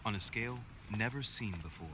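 A man's voice: fairly low pitch, fairly quick, natural voice. An actor playing a young male investigator in a game, earnest and slightly anxious. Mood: storytelling. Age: young adult. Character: young male investigator Louis, nervous yet clever. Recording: noisy game audio.

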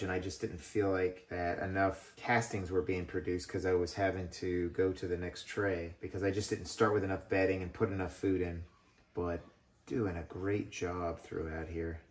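A man with a deep, low voice talks in a relaxed, hands-on way as he works through a compost bin. His voice bounces around an echoey room. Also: normal speed. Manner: relaxed explaining while digging through a worm bin. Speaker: worm farming channel host. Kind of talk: casual hands-on demonstration.

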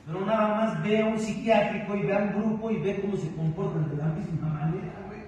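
A man's voice: high-pitched, fairly even intonation, a little fast, darkish tone. A Mexican man speaking as a sponsor at a recovery group, giving a blunt, profane, slangy talk that keeps calling out to his companions. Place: meeting room of a recovery group. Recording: echoey distant room mic with faint noise.

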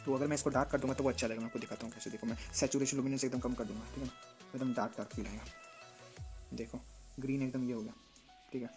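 A man giving a casual step-by-step photo editing tutorial, often pausing to check in with the viewer. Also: mid-range voice, steady tone, faint music behind. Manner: explains step by step, often checks in with "theek hai na". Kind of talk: casual screen-recorded tutorial.

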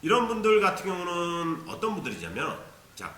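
A man's voice: high voice, huge pitch swings, a little fast, roomy sound, noisy background. A man teaching a beginner ocarina lesson, patiently explaining and demonstrating tonguing syllables aloud. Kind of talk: instructional video lesson.

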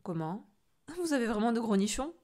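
A woman voicing a huge, grumpy female witch who hurls comic insults and menacing threats in a loud, growling manner. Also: on the high side, very animated, fairly quick. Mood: furious.

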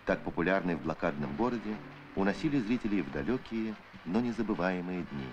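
A man with a deep voice narrates in the manner of an old Soviet newsreel. His delivery is scripted, solemn and measured, with a declamatory documentary tone. Music plays clearly behind him on the archival soundtrack. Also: lively intonation, lo-fi sound.

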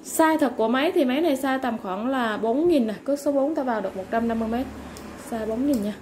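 High-voiced woman pitching products over background noise. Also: fast talker, a little mellow. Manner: polite, informal listing with repeated stock phrases. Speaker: online seller of used fishing reels. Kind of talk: live product sales pitch, item by item. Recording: clearly noisy background ambience.

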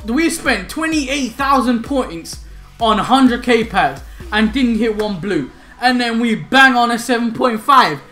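Opening game packs at home, a young gaming YouTuber with a very high voice delivers hyped, slangy commentary. He shouts and laughs through the banter, and faint background music fills the small indoor room.

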